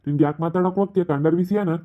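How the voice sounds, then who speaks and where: A man playing a stern older village man who scolds the women to keep quiet, in an amateur skit. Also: high-pitched, very fast, a little hiss or hum, close to an everyday voice. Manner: admonishing, repeats rhetorical questions. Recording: tinny phone-like audio.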